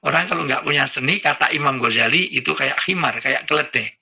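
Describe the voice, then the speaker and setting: A man's voice: medium pitch, a little fast, vocal fry, pushed and bright, breathy edge. A middle-aged man preaching with humor as a talk-show guest, full of jokes and little acted-out exchanges. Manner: joking, acts out little dialogues and sounds.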